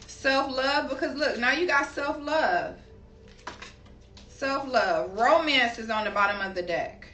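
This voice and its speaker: A woman's voice: high-pitched, unhurried, sharp tone, faint music behind. A woman from Chicago giving a casual tarot reading, chatty and drifting into personal stories while calling her viewers y'all. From Chicago, USA. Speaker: tarot card reader. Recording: echoey room, voice a bit far from the mic.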